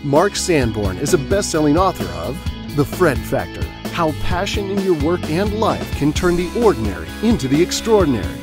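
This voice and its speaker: A man reads a promo voice-over in a lively, slightly high voice. Guitar music plays clearly under him. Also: moderate pace. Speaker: announcer.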